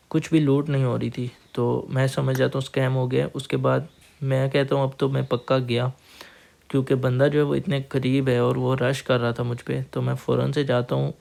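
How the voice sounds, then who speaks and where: A young man from Pakistan with a Pakistani accent, hoarse, narrating his own mobile game match step by step to viewers he calls guys. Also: mid-range voice, a little mellow. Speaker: mobile gaming YouTuber. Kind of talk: gameplay commentary voice-over. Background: faint game gunfire.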